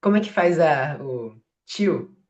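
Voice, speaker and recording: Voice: mid-range voice, expressive, slow pace, darkish tone, lo-fi sound. A student asking short, curious questions in a sign language lesson.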